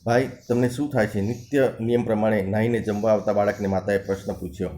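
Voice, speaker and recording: A man's voice: lowish voice, steady tone, fast talker, mellow, slight background noise. A male teacher reading a textbook story aloud, stopping after each passage to restate it and explain the harder words, and acting out the dialogue lines. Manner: reads a passage, then restates and glosses words; acts out dialogue lines in a shifted voice.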